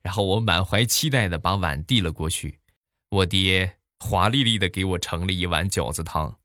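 A man's voice: low voice, moderate pace, fairly bright tone, no room sound. A man telling funny everyday stories in a comic monologue, playful, with exaggerated punchlines. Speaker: comedian.

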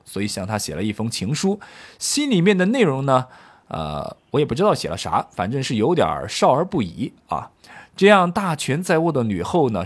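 A man's voice: medium pitch, breathy edge. A man explaining a classical poem through a casual storytelling lesson, with joking asides and many fillers. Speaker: literature explainer.

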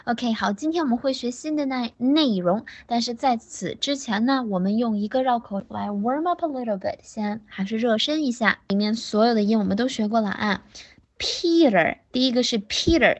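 A woman with a fairly high voice leads an online pronunciation class. She repeats each word patiently and breaks it into slow syllables. The audio is dull and lo-fi. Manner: patient, drills words slowly syllable by syllable; switches between Mandarin explanation and English examples. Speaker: English pronunciation teacher.

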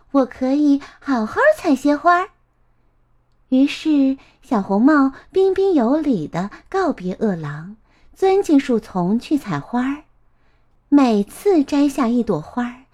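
Gentle, slow woman storyteller. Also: fairly high pitch. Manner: gentle, unhurried, expressive. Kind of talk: children's story narration.

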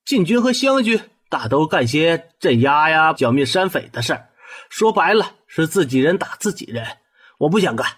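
A man's voice: fairly high pitch, very animated, moderate pace, fairly bright tone, a little hiss or hum. A man voicing a bold, teasing young officer who talks brashly and pushily in a historical audio drama. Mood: frank. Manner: brash, pushy, joking.

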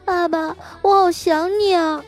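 A woman's voice: very high voice, measured pace, faint music behind, voice pushed up. A woman putting on a whiny little boy. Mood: tearful. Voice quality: tearful whine.

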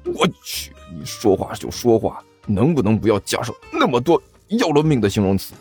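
A bored, boastful demon overlord drawls in a lower, dismissive voice, as a male storyteller puts him on. He brushes off whatever he hears and brags without effort. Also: wildly swooping pitch, normal speed, darkish tone, slightly rough, faint music behind, full character voice. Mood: irritated. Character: lazy, smug male demon king.

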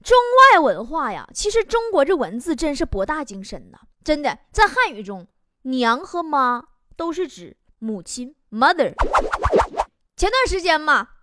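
A woman's voice: high voice, bright, forceful tone, dry recording, studio quality. A young woman comedian with a Northeastern Mandarin accent, telling a stand-up monologue with dialect slang and chuckles. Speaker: talk show comedian. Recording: noisy recording with clicks.

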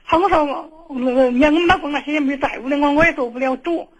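A middle-aged woman speaking Sichuan dialect, calling in with an aggrieved, halting and repetitive personal complaint. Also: high voice, poor audio. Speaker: phone-in caller. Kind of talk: emotional personal storytelling.

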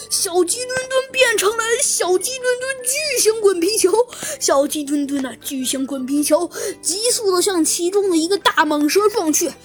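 A woman narrating a children's story in a lively, exclamatory way. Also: very high voice.

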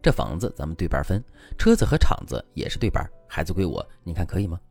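A man's voice: sits low, big pitch swings, fast talker, creaky, darkish tone, soft background music, heavily acted. A man voicing an angry, betrayed wife in her thirties, questioning her husband with indignant reproach. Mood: cold, firm.

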